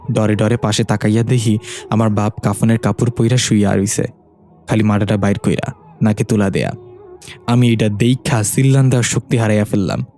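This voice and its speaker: A man's voice: lowish voice, mellow, close to an everyday voice. A man doing a timid young thief. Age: 20s. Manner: humble, frightened storytelling. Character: timid young petty thief telling a ghost story.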